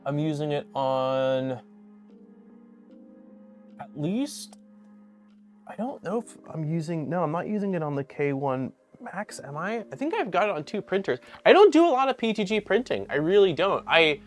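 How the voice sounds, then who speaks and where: A man's voice: a little high, big pitch swings, moderate pace, soft background music. A man hosting a casual livestream, talking in an upbeat, rambling way with lots of fillers. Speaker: livestream host.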